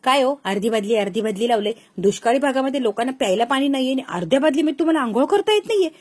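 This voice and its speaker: A woman voicing a dutiful young wife who keeps urging and fussing, in a high voice. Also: animated, rapid-fire. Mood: arguing. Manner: urging, fussy.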